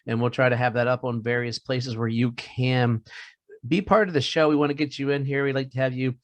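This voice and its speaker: A man's voice: mid-range voice, fairly even intonation, brisk, dry recording. A middle-aged man co-hosting a fantasy football podcast, chatting casually and joking at his own expense. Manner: rambling, joking, self-mocking. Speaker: podcast co-host. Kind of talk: casual sports chat.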